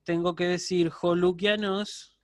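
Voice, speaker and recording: A man's voice: sits high, level tone, slow pace, no echo, clean studio sound. A man giving a university lecture online, explaining step by step and checking in with his students. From Argentina.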